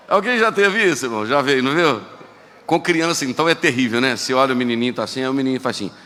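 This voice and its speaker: A man with a Minas Gerais Brazilian accent preaching a lively sermon as pastor, moving between quiet asides and shouted exhortations. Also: mid-range voice, fast talker, long pauses. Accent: Brazilian Portuguese, Minas Gerais. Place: church sanctuary. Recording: echoey church hall with faint noise.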